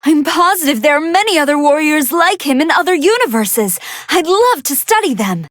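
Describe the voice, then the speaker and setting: A woman playing a polite, excitable young android scientist who fights a hidden hunger, giving earnest, articulate commentary in an anime fighting game. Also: sits high, normal speed, no echo, studio quality. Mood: curious, analytical. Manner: articulate, earnest, formal scholarly phrasing.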